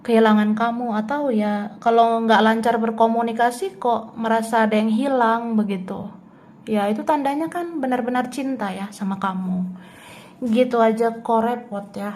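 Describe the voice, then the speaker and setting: Woman, tarot reader, casual chatty reading, fairly high voice, often laughing, talks as if voicing someone's thoughts. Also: moderate pace, darkish tone, a little hiss or hum.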